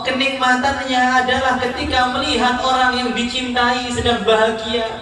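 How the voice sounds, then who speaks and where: A man preaching a sermon, telling stories with lively swings of voice as he acts out the dialogue. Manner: animated storytelling, acts out dialogue with big pitch swings. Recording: echoey hall, heard from far off.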